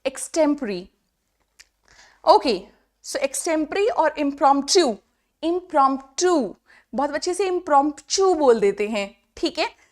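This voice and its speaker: A woman's voice: high voice, expressive, measured pace, a little mellow. A woman teaching exam vocabulary in an online lecture, mixing Hindi and English and quizzing the class with repeated rhetorical questions.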